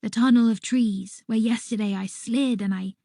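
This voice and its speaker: A woman reading a first-person children's story aloud in a soft, unhurried voice that sometimes drops to a whisper. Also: a little high, fairly even intonation, gravelly, no echo, clean studio sound. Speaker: audiobook reader.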